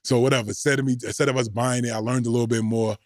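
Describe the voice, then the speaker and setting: Brief: middle-aged male podcast guest, laid-back and slangy, mid-pitched, dry close mic. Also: steady tone, very fast, dry recording. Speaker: podcast guest, former pro basketball player. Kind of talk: casual storytelling.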